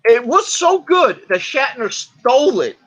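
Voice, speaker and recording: A man chatting as a podcast guest, retelling stories in a halting way, full of fillers and restarts. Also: very high voice, sing-song, a bit bright. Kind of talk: casual podcast chat.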